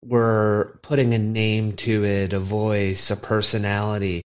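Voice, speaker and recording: A man's voice: on the low side, level tone, a little slow, clear, resonant tone. A man hosting an interview podcast, asking thoughtful, reflective questions. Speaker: podcast host.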